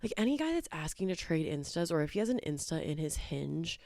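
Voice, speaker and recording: A young woman telling dating stories in a casual, animated storytime chat, joking and laughing as she goes. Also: low-pitched, brisk, creaky, dry recording, studio quality. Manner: chatty, animated, bursts of laughter and jokey made-up words.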